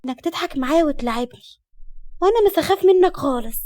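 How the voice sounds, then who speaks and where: A woman voicing a sweet, curious little girl, speaking with an Egyptian accent in a high, childlike, pleading way. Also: lively intonation, quick pace, a little mellow, no echo, studio quality. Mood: cheerful. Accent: Egyptian Arabic.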